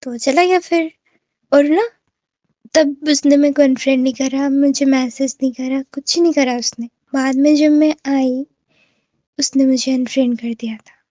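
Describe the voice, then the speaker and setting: A woman's voice: high-pitched, steady tone, normal speed, warm tone, no room sound, highs cut off. A woman telling a story to her viewers in a casual, rambling way, full of fillers and restarts, often speaking to the listener directly. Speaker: gamer recounting an online incident.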